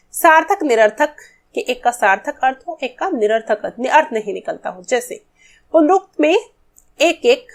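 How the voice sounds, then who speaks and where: Woman, high voice, teacher, talks to the children, asks and answers her own questions. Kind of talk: classroom-style lesson explanation.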